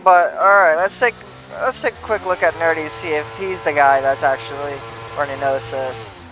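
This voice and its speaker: A laid-back man co-hosts a live sim race broadcast, his voice pitched high for a man. He teases his partner between calls. There is a clear hiss of noise behind him. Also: normal speed, sharp tone, rough recording. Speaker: co-commentator. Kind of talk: live sim racing commentary.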